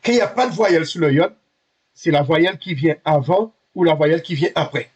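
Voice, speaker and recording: Husky-voiced man teaching a language class. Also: a little high, animated, muffled recording. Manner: halting, self-correcting, repeats himself; patient, checks students understand. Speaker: Hebrew teacher.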